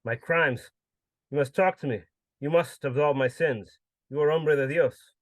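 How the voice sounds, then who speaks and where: A man's voice: fairly high pitch, unhurried, no room sound, close to an everyday voice. A man voicing a desperate, drunk man who pleads in anguish with a priest for forgiveness.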